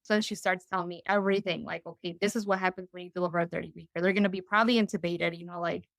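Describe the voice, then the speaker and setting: Chatty young woman with a smooth voice. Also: lowish voice, steady tone, racing, dry recording. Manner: chatty, full of "you know" and "like", acting out quoted voices. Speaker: interview guest. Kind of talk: casual storytelling.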